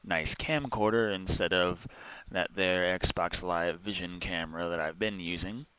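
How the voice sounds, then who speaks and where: An exhausted man rambling casually in an exasperated, complaining rant, with halting pauses. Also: deep voice, steady tone, pushed and bright, a little hiss or hum, low-quality recording. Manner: exhausted, weary, with heavy sighs and halting pauses. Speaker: vlogger.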